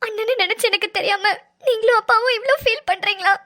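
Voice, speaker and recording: A woman's voice: very high voice, fast talker, bright, forceful tone. A woman voicing a young daughter in a cartoon, pleading earnestly through tears. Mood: tearful. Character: young daughter missing her lost brother.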